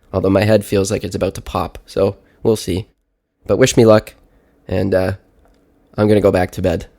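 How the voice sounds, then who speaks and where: A man of about thirty with a fairly low voice, thick with congestion. He sounds sick and nasal, as though pinching his nose, while chatting casually through a personal podcast update. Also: a little mellow. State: sick with a stuffy head cold. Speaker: podcast segment host. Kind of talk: casual personal audio diary.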